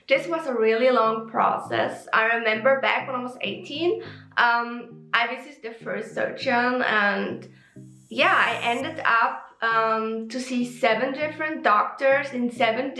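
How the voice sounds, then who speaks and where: A young woman with a Swiss German accent talks openly in a casual vlog, often pausing on ums and correcting herself as she goes. Her voice is bright and sits a little high. The room sounds echoey, and faint music plays underneath. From Switzerland. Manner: chatty and open, with frequent ums and self-corrections. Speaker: vlogger.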